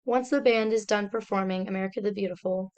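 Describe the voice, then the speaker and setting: A young woman, a student, reading a slide presentation aloud in a steady, step-by-step explanatory way. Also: mid-range voice, quick pace, clean tone.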